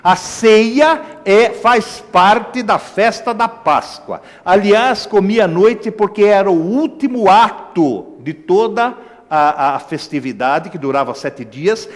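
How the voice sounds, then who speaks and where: A man's voice: high voice, animated, slow. A man with a Brazilian Portuguese accent preaching a sermon as pastor, emphatic, throwing rhetorical questions and asides to the congregation. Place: church. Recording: echoey church hall reverb.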